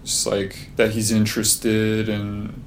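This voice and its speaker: Slow, low-voiced young man rambling. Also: completely flat delivery, a little hiss or hum. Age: young adult. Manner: rambling, filler-heavy storytelling. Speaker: storyteller. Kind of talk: casual chat.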